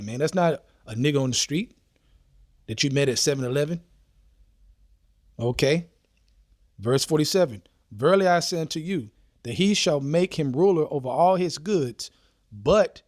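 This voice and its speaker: A man's voice: fairly high pitch, no echo, studio quality. A man preaching an informal, urgent sermon, reading scripture aloud and peppering his talk with "okay" and "man". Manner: urgent, repetitive, street slang with frequent "okay" and "man".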